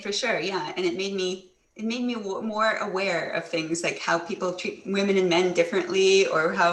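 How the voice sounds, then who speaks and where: A woman in her forties, a children's author, telling stories and answering questions with lively acted-out quotes. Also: medium pitch. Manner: animated storytelling, acts out quoted voices. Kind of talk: book presentation and Q&A. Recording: echoey room, a little off-mic.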